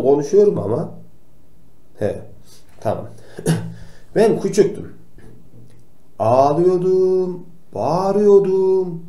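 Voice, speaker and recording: A man playing a kindly old grandpa doctor who gently tells noisy children to stay quiet, in a comic role-play for kids. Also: fairly high pitch. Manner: gentle, admonishing, talks straight to the kids. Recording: roomy echo.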